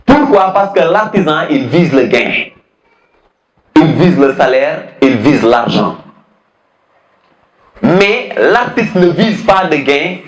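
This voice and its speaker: Animated, slow-talking male philosophy teacher. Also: on the high side, reverberant, low-quality recording. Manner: repeats phrases, questions the class, mixes French and Wolof. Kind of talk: classroom lesson. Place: classroom.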